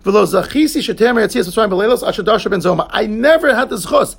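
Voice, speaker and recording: A man's voice: high-pitched, expressive, vocal fry, breathy edge. A man teaching a Talmud class, explaining each term in English and answering his students. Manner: explains terms in English, quick asides to students.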